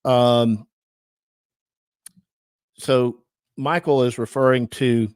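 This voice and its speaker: A man's voice: mid-range voice, steady tone, drawn-out words, a little mellow, smooth, dry recording. Southern US host, middle-aged guy, chatty and easygoing, dry close sound. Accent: Southern US, Georgia. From Georgia, USA. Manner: chatty, thanks viewers, frequent fillers. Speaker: livestream host and lawyer. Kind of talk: casual livestream commentary.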